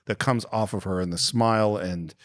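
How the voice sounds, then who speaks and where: A man's voice: lowish voice, steady tone, moderate pace. Man recapping a film scene by scene. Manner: recaps scenes, acts out the lines. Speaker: podcast host. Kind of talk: casual film review chat.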